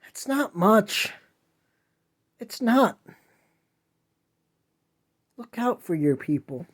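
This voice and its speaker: Speaking very slowly in a high, sing-song voice, this podcast host delivers a passionate monologue on his own. His tone is whiny, and he earnestly, preachily begs his audience.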